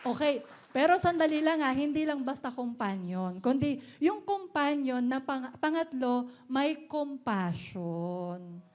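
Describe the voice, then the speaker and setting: Animated Filipino woman pastor preaching. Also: high voice, measured pace. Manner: animated, mixing Filipino and English, playful asides and laughs. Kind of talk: sermon. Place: church hall.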